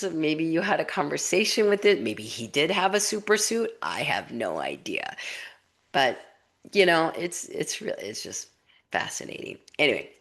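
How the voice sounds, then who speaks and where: Woman w a low voice telling her story, casual + rambly, lots of ums and restarts, swoopy animated delivery. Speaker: researcher and author sharing a personal experience. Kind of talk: casual spoken testimony.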